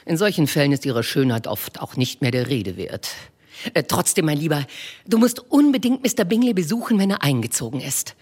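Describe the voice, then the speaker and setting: A woman reading aloud and voicing a fussy, excitable middle-aged mother of five daughters, talking in an eager, insistent way. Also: low-pitched, a little fast, slightly rough, exaggerated voice. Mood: pleading. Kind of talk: audiobook reading.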